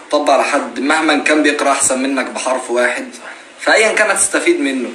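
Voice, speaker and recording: A man's voice: medium pitch, a bit bright. A young man in his twenties with an Egyptian Arabic accent, giving earnest casual religious advice on a live stream and asking rhetorical questions. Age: 20s. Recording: roomy echo, faint noise.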